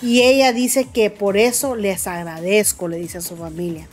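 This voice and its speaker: A woman's voice: medium pitch, fairly even intonation, moderate pace. A woman hosting celebrity gossip commentary, telling the story in a dramatic, mocking way and calling her viewers family.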